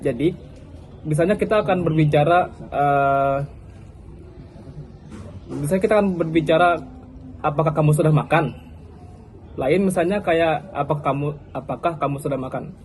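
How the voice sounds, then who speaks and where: A man's voice: on the high side, normal speed, pauses often, darkish tone, a little hiss or hum, low-quality recording. Chatty young man presenting a class lesson. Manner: chatty, many fillers and restarts. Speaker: student presenter.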